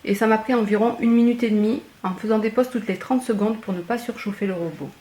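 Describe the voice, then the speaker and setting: A woman cooking vlogger walking viewers through a recipe in a chatty, casual way, often pausing on fillers. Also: a little high, steady tone, mellow, slight background noise. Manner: chatty, hesitant with frequent fillers. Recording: echoey room.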